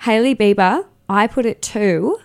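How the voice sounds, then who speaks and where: Podcast co-host: young woman, mid pitch, chatty, giggly, casual. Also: lively intonation, a little slow. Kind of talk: casual chat.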